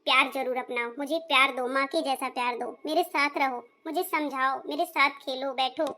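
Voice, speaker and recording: A woman's voice: high voice, fairly even intonation, moderate pace, pushed and bright. Woman doing an earnest elder daughter-in-law. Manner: earnest, reproachful.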